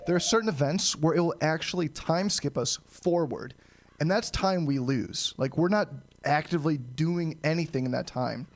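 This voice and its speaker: A man giving casual live speedrunner commentary, explaining each step of a game to viewers and often clearing his throat. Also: fairly high pitch. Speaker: speedrunner streaming a game challenge.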